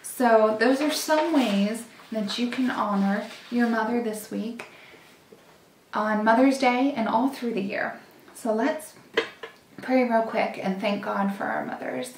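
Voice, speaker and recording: Give me a young woman leading a children's Bible lesson, warm and encouraging, in an echoey room. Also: fairly high pitch, slow, far from the mic, slight background noise. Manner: gentle, encouraging, speaks directly to children. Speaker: children's church teacher. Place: small indoor room, seated at a table before a plain wall.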